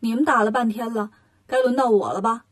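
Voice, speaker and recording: A woman voicing a clever, cocky monkey king in a storybook reading, speaking briskly and teasingly. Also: a little high, fairly even intonation, breathy edge.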